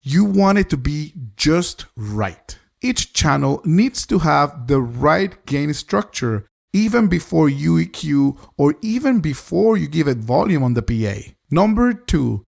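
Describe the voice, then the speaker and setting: Gravelly man narrating a sound tutorial. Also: fairly high pitch, big pitch swings, unhurried, few pauses. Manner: upbeat, direct, talks to the viewer. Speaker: live sound engineer teaching mixing.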